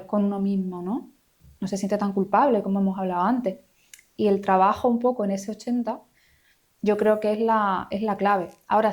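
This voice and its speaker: A woman's voice: mid-range voice, darkish tone. Reflective woman psychologist. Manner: reflective, explanatory, many filler "eh" and "¿no?". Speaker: psychologist guest. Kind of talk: conversational interview.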